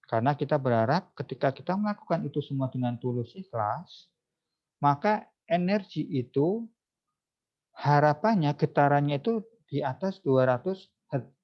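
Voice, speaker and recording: A man giving a psychologist's webinar lecture over a video call, his voice at an ordinary middle pitch. He keeps putting rhetorical questions to his listeners and addresses them formally. The audio is dull and lo-fi. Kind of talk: online seminar talk.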